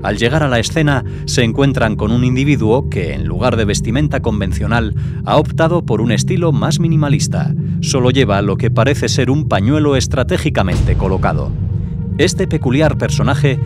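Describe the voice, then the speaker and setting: A man reading scripted countdown narration in dramatic, florid language. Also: mid-range voice. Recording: voice-over under loud music.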